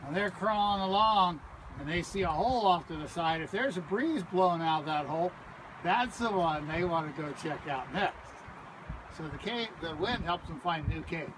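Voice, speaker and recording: A man working as a park ranger leads a group through a cave, explaining things patiently and often checking in with them. His voice sits fairly high. The recording is roomy and echoey, with loud background noise around him. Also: animated, moderate pace. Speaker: park ranger tour guide. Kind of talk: guided cave tour talk. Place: visitor center lobby, then inside a cave.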